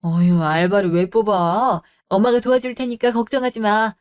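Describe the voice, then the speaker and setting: A woman's voice: medium pitch, fairly even intonation, moderate pace, natural voice. A woman doing a fussing older mother. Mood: tender. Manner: fussing, tender.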